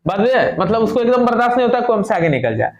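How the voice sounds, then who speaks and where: A man with a high-pitched voice teaches a class, reading English lines and explaining them at length. He keeps asking the students questions and repeats their replies back to them. The room rings with echo. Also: big pitch swings, rapid-fire, muffled recording, over a noisy crowd.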